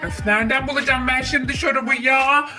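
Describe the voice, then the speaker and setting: A woman's voice: high-pitched, steady tone, a little fast, voice pushed down, natural voice. Woman doing grumpy lazy guy, far-off mic. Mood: grumbling. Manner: whiny, put-upon grumbling. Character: grumpy lazy grown man who wants to keep playing. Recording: distant mic with music behind.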